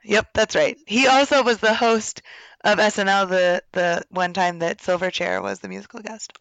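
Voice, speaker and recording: A woman's voice: mid-range voice, fairly even intonation, normal speed, a bit bright, no echo, low-quality recording. Wry young woman co-host. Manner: wry, teasing, laughs often. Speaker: podcast co-host. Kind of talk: casual chat.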